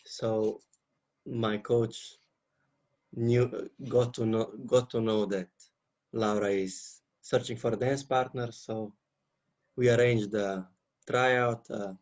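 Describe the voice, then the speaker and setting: A man's voice: on the low side, fairly even intonation, slow, pauses often, darkish tone, muffled recording. A man in his twenties, a dancer, answering interview questions unhurriedly in English. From Slovenia. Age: 20s.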